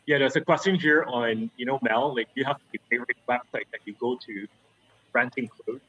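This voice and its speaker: A man's voice: mid-range voice, fairly quick, pushed and bright, breathy edge, dry recording. A man moderating an online panel, his voice breaking up over a bad call connection, hesitant with many fillers and restarts. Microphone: video call. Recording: dull, lo-fi video call audio.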